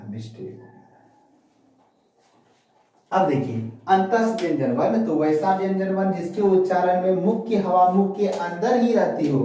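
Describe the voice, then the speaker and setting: Man teaching sanskrit grammar, high mellow voice, very echoey, far from the mic. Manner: asks questions and answers them himself; repeats syllables slowly in drills. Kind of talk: online grammar lesson.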